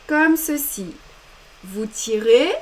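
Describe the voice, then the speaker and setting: A woman's voice: fairly high pitch, lively intonation, drawn-out words. A woman with a French accent giving step-by-step embroidery instructions during a live demonstration, with small self-deprecating asides. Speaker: embroidery teacher.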